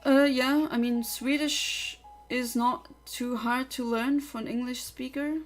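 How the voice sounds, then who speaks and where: Over faint background music, a young woman from Luxembourg chats on her livestream, rambling and sharing plenty of opinions. Luxembourgish is her native tongue, and she speaks a little slowly in a high voice with fairly even intonation.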